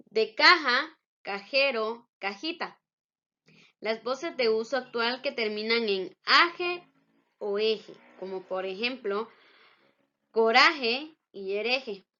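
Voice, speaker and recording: A woman teacher explaining spelling and punctuation rules slowly and with careful enunciation. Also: fairly high pitch, sharp tone. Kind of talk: spelling and grammar lesson. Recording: dull lo-fi recording.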